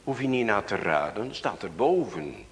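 A man's voice: fairly low pitch, very animated, normal speed, long reverb tail, a little hiss or hum. A Dutch man preaching a sermon as pastor, reading scripture aloud and putting questions to the congregation.

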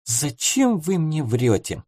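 Audiobook figure: a man playing a young baroness, pitched high and girlish, lively, reproachful, dry close sound. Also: moderate pace, no room sound. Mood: prim, curious. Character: young flustered noble girl, curious baroness.

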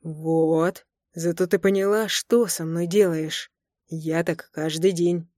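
A woman voicing a teasing, tender young man in an audiobook, speaking low and slow in a murmur. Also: fairly even intonation, warm tone, no room sound, studio quality. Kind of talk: audiobook character voice.

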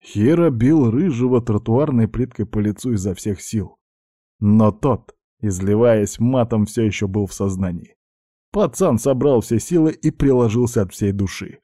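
A man's voice: fairly low pitch, moderate pace, mellow, dry recording, clean studio sound. A man reading a novel aloud as an audiobook narrator, telling the story steadily and voicing each character in turn.

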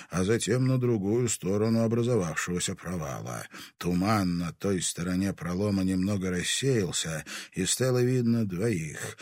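A male audiobook narrator reading scripted prose. His pitch moves widely through each sentence. The sound is dry and close to the mic. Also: husky, dry recording. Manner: expressive, lively reading.

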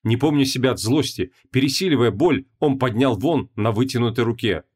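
A man narrating a fantasy audiobook with an expressive, dramatic reading. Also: medium pitch, a little fast, breathy edge.

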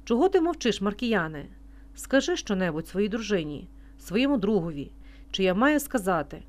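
Woman doing a brash clingy woman, hissing unpleasant voice, overly loud, theatrical. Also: medium pitch, sing-song, normal speed, natural voice. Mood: mocking.

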